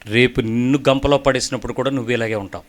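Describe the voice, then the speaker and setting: A middle-aged male preacher giving a sermon, telling stories and firing rhetorical questions, moving between soft asides and emphatic lines. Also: medium pitch, fairly even intonation, quick pace.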